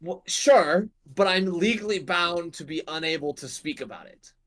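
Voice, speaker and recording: A man's voice: a little high, lively intonation, moderate pace, a bit bright. A meek little imp, played by a man as game master stammers and dodges questions in a slightly raised voice. He sounds eager to please yet evasive, talking at a table game. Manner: hesitant, eager to please, stammers when pressed. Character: seven-year-old male imp, meek and evasive. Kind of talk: in-character tabletop role-play.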